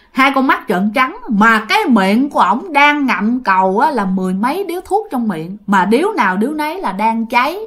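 A woman's voice: a little high, fairly bright tone. A woman with a Southern Vietnamese accent telling a ghost story in a chatty way, addressing her listeners directly.

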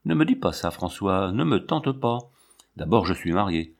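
A man's voice: sits low, big pitch swings, normal speed, creaky, exaggerated voice. A man voicing a proud, firm older woman. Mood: pleading.

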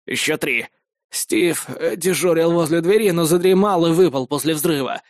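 Old man, defiant and grumpy, played by a male narrator, pitched high, dry audiobook sound. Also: normal speed, no room sound, lightly acted. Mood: agitated. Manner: indignant, excitable.

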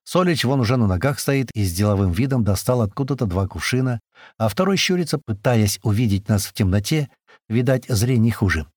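A man reading a first-person audiobook aloud, brisk storytelling with voiced dialogue. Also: mid-range voice, lively intonation, darkish tone, dry recording, clean studio sound. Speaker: audiobook narrator.

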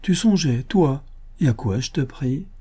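Brisk kind young prince, bossy but generous, low mellow voice, audiobook, read by a man. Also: lively intonation, slightly rough. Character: young royal prince, cheerful, generous, commanding. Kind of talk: audiobook character voice.

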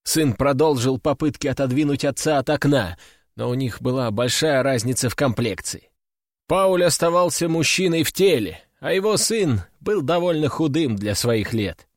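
A man narrating a crime story in an even, measured storytelling manner. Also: medium pitch, no echo. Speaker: audiobook narrator. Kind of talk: scripted narration. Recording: dry close studio sound, faint music.

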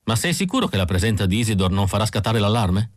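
A man voicing a sharp, brusque female android who speaks in a cutting way. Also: fairly low pitch, very animated, fast, no echo, studio quality.

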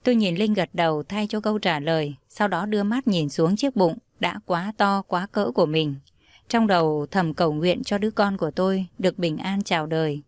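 A young woman narrating a first-person story in a calm, steady reading voice. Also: on the low side, moderate pace, no echo, clean studio sound.

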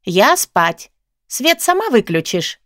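A woman's voice: mid-range voice, big pitch swings, slow, a bit bright, no echo. A woman reading an audiobook voices a young female student roommate who talks in a dry, mocking way.

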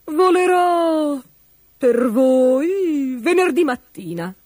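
A woman's voice: high voice, big pitch swings, a little slow, husky, no echo, clean studio sound, voice pushed up, exaggerated voice. A woman voicing a pompous, boastful male ostrich king in a storybook reading, blustering through excuses.

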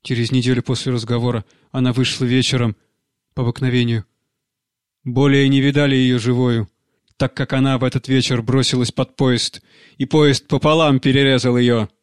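A male audiobook narrator reading a classic short story at a measured pace. His pitch stays flat and level throughout. The recording is dry, with no room sound. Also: clear, resonant tone, no echo.

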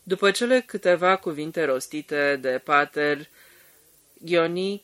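A man narrating an audiobook in a steady, measured reading. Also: on the high side, no echo. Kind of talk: scripted narration.

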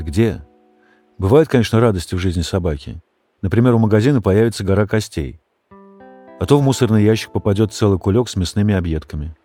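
Expressive male storybook narrator, mellow voice. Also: fairly low pitch. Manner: expressive, raises voice for dogs' shouts. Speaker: audiobook reader.

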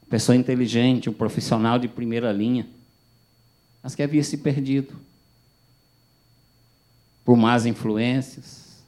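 A male pastor, giving a sermon testimony as animated storytelling with acted dialogue. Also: mid-range voice, measured pace, pauses often.

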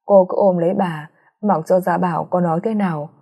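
A woman reading a romance story aloud in calm, steady audiobook narration. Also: fairly low pitch, fairly quick, breathy edge.

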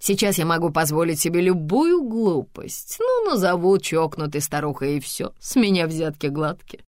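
A woman voicing an old retired female teacher who speaks slowly with a wry, carefree manner. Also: on the low side, lively intonation, a little mellow, no room sound, clean studio sound, close to an everyday voice. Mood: dreamy.

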